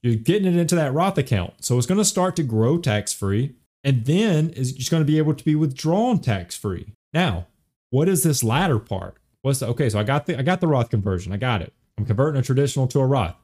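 A young finance podcaster speaks briskly, his medium-pitched, darkish voice swinging widely in pitch. Explaining retirement accounts stepwise, he restates key points and checks in with the listener using "okay?" and "right?".

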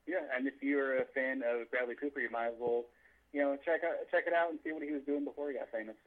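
A man's voice: mid-range voice, steady tone, fast talker. A man co-hosting a casual movie chat over a phone line, rambling with lots of fillers and restarts. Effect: heard over a phone line. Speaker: podcast co-host.

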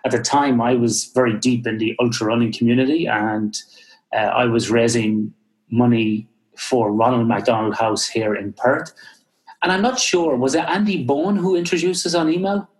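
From home in Australia, a podcast host with an Irish accent cheerfully introduces his guest and asks encouraging questions. He speaks at a normal speed in a medium-pitched voice with fairly even intonation, and the recording is rough.

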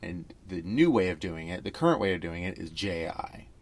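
A man's voice: low voice, very animated, moderate pace. A man co-hosting a podcast in casual chat about a film, explaining things at length with wry asides. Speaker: podcast co-host.

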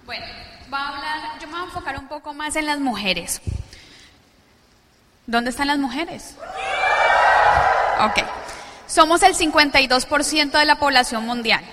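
A woman giving a motivational talk to a live audience, often checking in with quick tag questions. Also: high-pitched, expressive, background noise. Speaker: speaker at a business event. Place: large event hall before an audience. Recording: live hall with long reverb.

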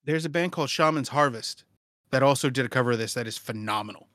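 Bright-voiced man teasing his co-host. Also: medium pitch, quick pace, no echo, studio quality. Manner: teasing, profane banter. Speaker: podcast co-host. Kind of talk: casual chat. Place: in a car.

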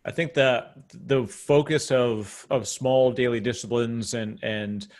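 A man's voice: medium pitch, steady tone, slow pace, a little mellow. A man with a Canadian accent hosting a podcast, talking animatedly with lots of restarts and emphatic asides. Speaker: podcast host. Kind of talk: casual podcast conversation.

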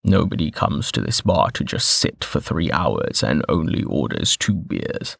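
A man voicing a blunt, smug middle-aged male information broker with a rough, gravelly voice. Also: extremely low pitch, very animated, measured pace, fairly bright tone, dry recording, clean studio sound, pitched below the performer's own voice, heavily acted. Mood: curt.

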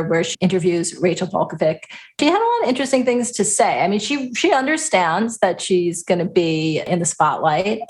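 A woman co-hosting a casual baseball podcast, chatty and joking, laughing often. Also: fairly low pitch. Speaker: podcast co-host.

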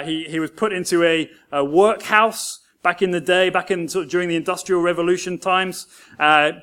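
A male pastor giving a sermon. His voice sits high for a man, and he works through his points by telling stories with earnest conviction. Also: a bit bright, clean tone. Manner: earnest storytelling preacher.

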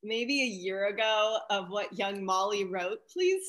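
A woman's voice: medium pitch, a little slow, fairly bright tone. A woman co-hosting a podcast, asking eager, playful questions in casual chat. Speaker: podcast co-host.

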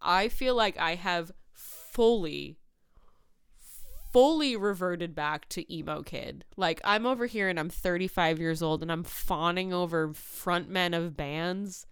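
Woman, thirties, casual podcast chat, dry close sound, animated, swears a lot. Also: on the low side, a little slow, clean tone, no echo. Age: 30s. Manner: swears freely, laughs often, animated storytelling. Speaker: podcast co-host. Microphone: no pop filter.

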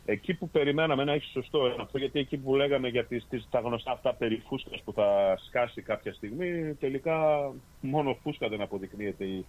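A man hosting a sports podcast, reading league standings and chatting in a steady, methodical way with fillers and self-corrections. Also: mid-range voice, poor audio. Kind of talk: reading sports results and casual chat. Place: lives in Australia.

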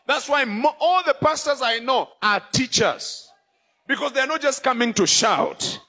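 A man preaching a fervent sermon as bishop, calling on the congregation to respond and often shouting his points. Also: extremely high pitch, lively intonation, normal speed.

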